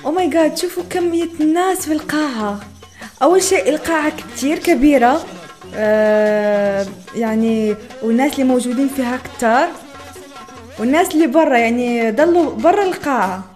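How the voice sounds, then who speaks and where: A woman's voice: high-pitched, brisk, a little mellow, soft background music. A young woman from Morocco giving casual reaction commentary, chatty, often laughing and exclaiming in wonder. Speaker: reaction video host.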